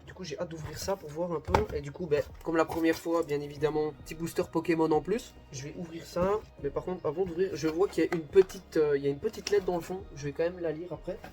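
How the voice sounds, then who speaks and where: A man's voice: on the high side, fairly even intonation, fast, hardly any pauses, mellow, soft background music. A man hosting an unboxing video in a casual, chatty way, often joking about himself and talking straight to his viewers. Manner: chatty, self-deprecating, addresses viewers as "guys".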